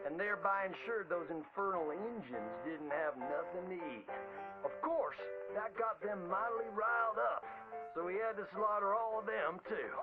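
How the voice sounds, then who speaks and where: In a video game, an actor voices a folksy, theatrical frontier showman spinning boastful tall tales in an old Southern frontier drawl. His high-sitting voice has a phone-quality sound, and the delivery is hammy and exaggerated, like old-time stage storytelling. The recording is band-limited like an old radio, with prominent background music.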